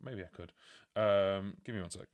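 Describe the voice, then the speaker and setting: A man's voice: low voice, normal speed. A man in his forties from the UK, casually chatting on a music live stream and answering viewer questions with lots of fillers. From United Kingdom. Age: 40s.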